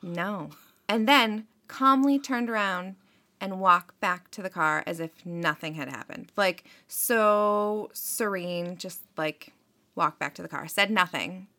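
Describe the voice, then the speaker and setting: Woman podcast host, casual true-crime storyteller, slightly low voice with a bright edge, lots of fillers. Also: takes it slowly. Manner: chatty, filler-heavy, frequent "like" and "um".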